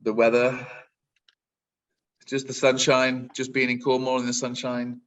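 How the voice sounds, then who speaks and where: A business coach in his forties answers interview questions over a video call, relaxed and rambling, restarting often. His pitch is medium and his pace measured.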